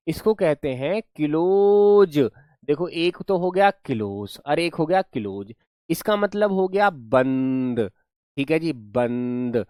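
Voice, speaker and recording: A man's voice: on the high side, dry recording, studio quality. A man teaching an online class, explaining words playfully, repeating his questions and praising his students.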